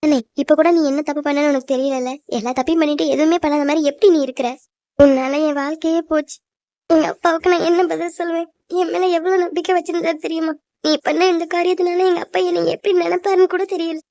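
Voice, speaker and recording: A woman plays a fiery young heroine in a cartoon drama who talks back in a sharp, accusing way. Her voice sits high and the words rush out fast, with a dry sound. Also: steady tone, no room sound. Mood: indignant. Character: young woman, defiant and outspoken. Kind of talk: cartoon voice acting.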